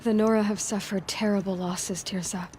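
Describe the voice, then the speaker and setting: A woman's voice: mid-range voice, fairly even intonation, moderate pace, mellow, a little hiss or hum, lightly acted. Aloy, earnest young warrior played by a woman. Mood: subdued. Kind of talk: dramatic video game acting. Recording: music behind the voice.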